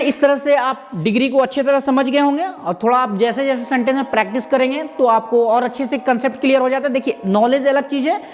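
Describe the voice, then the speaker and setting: High-voiced man teaching in echoey room. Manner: poses rhetorical questions then answers them; slow, repetitive explaining with spelled-out words. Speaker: English grammar teacher. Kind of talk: explaining lesson to students. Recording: echoey room with faint background noise.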